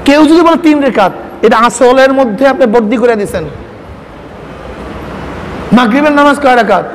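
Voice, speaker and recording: A man's voice: very high-pitched, normal speed. Man, Islamic preacher, scolding rhetorical delivery, long hall reverb. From Bangladesh. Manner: scolding rhetorical questions, mimics others. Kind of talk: sermon. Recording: reverberant hall with faint noise.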